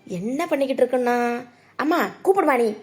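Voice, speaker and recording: A woman's voice: high-pitched, expressive, brisk, a little mellow, faint music behind, voice pushed down. A woman voicing a teasing, mischievous young sister in a cartoon, with a cheeky, mocking manner. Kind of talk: cartoon voice acting.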